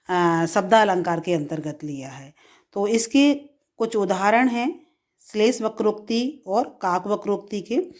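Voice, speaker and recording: Woman, middle-aged Hindi teacher, unhurried delivery, lifts her voice for verse examples. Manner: slow, deliberate explaining, repeats key phrases; recites verse examples higher and louder. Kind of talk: grammar lesson.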